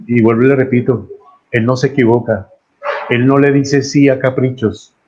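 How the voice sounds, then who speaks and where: A man's voice: medium pitch, darkish tone, muffled recording. A man with a Colombian accent, a pastor preaching a sermon earnestly and repeating key phrases for emphasis.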